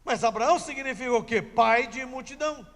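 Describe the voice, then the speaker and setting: A man's voice: very high voice, a little fast, a bit bright, in a large hall. A man preaching a sermon, telling a scripture story emphatically and repeating key phrases.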